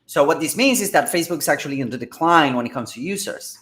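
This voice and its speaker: Excitable man talking ad marketing. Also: on the high side, fast, echoey room. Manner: energetic, excitable, frequent "all right?" and "guys". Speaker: marketing host. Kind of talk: casual business commentary.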